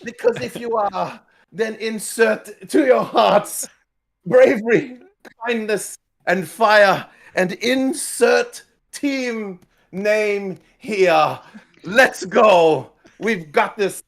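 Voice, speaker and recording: A man voicing an earnest, nervous underdog team captain, shouting a halting rallying speech to a crowd in a tabletop game. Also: high-pitched, vocal fry, pitched above the performer's own voice, full character voice. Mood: rousing, nervous.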